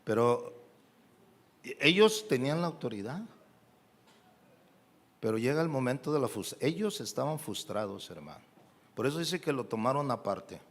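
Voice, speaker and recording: A man with a Mexican Spanish accent preaching a sermon as a pastor, animated and full of rhetorical questions to the congregation. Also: medium pitch, normal speed, long pauses. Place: church.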